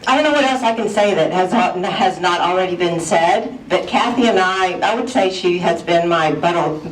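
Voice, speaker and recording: A head of HR giving an earnest, emotional tribute at a colleague's retirement party. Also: mid-range voice. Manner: earnest and emotional, holding back tears. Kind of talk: heartfelt farewell speech. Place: large indoor room at an office party. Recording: echoey room recorded from far off, faint noise.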